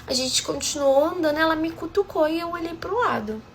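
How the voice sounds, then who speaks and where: A woman's voice: high-pitched, brisk, fairly bright tone, a little hiss or hum. A young Brazilian woman telling a personal story in a chatty, gossipy way and speaking straight to her viewers. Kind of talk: casual storytime monologue.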